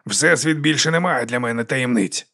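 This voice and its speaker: A man's voice: mid-range voice, normal speed, pushed and bright. A man voicing a sardonic, grumbling necromancer in an audiobook. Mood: stunned. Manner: sarcastic, grumbling.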